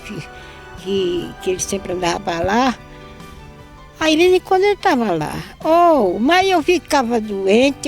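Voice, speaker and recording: A woman's voice: a little high, vocal fry, darkish tone. An older woman from northeastern Brazil giving an emotional religious testimony about her son, often repeating herself and quoting others.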